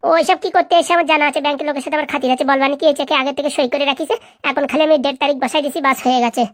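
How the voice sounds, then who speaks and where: A woman's voice: sits high, steady tone, rapid-fire, no echo, studio quality, close to an everyday voice. A woman voicing a bossy village wife. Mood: scheming. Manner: commanding, rustic village speech. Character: bossy village wife, a scheming political candidate. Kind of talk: cartoon comedy dub.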